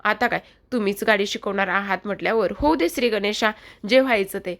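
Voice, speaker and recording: A woman's voice: medium pitch, fairly quick, natural voice. A woman voicing a nervous young woman learning to drive, flustered and protesting.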